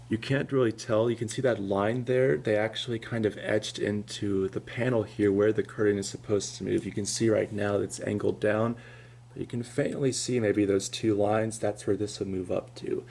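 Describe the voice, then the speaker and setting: A man's voice: on the low side, steady tone, unhurried, gravelly, a little mellow, slight background noise. A man giving casual, understated and matter-of-fact commentary as he shows and compares collectible props. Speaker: prop collector presenting his animatronics.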